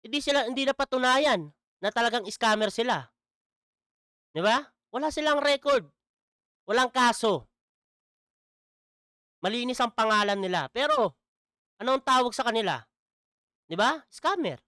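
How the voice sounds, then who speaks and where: A man's voice: very high voice, expressive, moderate pace, pauses often, pushed and bright, clear, resonant tone, no room sound, studio quality. A man commenting in a casual vlog, mocking and asking "di ba?" again and again. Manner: mocking, repeats "di ba?". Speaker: vlogger.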